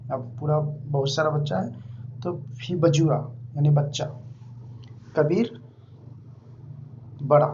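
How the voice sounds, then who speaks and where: A man giving an informal vocabulary lesson, repeating each word slowly several times. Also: a little high, warm tone. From India. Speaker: language teacher. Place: living abroad in Saudi Arabia. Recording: dull lo-fi recording with faint hum.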